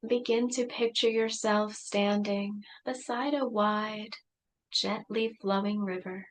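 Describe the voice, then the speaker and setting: A woman leading a guided meditation, speaking softly and soothingly with long pauses. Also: medium pitch, steady tone, a little hiss or hum.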